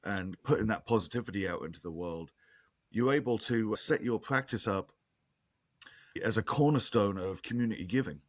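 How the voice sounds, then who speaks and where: A man's voice: lowish voice, normal speed, dry recording. A man with a slight lisp, a nonprofit guest on a podcast, explaining earnestly and restarting his sentences often. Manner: earnest, talkative, many restarts. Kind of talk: podcast interview, casual explaining.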